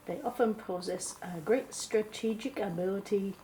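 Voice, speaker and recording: A woman playing a blunt, teasing palm reader in an ASMR role-play, with a Singaporean or Malaysian English accent, clipped grammar and deadpan, musing delivery. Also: mid-range voice, normal speed, natural voice, low-quality recording. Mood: musing, matter-of-fact. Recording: clear steady background noise.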